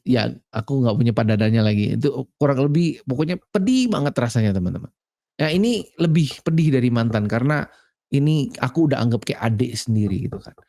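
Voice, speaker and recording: A man's voice: mid-range voice, gravelly, dark tone. A young man from Indonesia giving a chatty, conversational sermon to a youth community, mixing in slang and English words. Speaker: preacher. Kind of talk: casual sermon.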